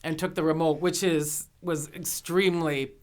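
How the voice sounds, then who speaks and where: A woman's voice: low-pitched, moderate pace. A woman co-hosting a pop culture podcast, telling stories in casual chat with frequent laughter. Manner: laughing storyteller, lively. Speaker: podcast co-host.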